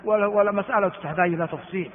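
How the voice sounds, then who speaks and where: A man with a high-pitched voice teaches hadith in a long, patient lecture. He explains the text step by step and slips into a chanting lilt when he quotes words and verses. The sound rings with long hall reverb and comes through thin, like a phone line. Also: racing. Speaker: Islamic scholar teaching hadith.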